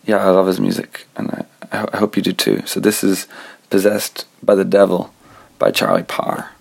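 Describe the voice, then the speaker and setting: A young man from Scotland presenting a radio show, introducing songs in a relaxed, conversational way and thinking aloud as he talks. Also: low voice, normal speed, gravelly. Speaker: radio host.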